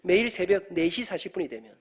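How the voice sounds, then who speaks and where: A middle-aged man, preaching an animated storytelling sermon in a church and joking with the congregation. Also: sits high, fast, husky. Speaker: guest preacher, professor. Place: church sanctuary.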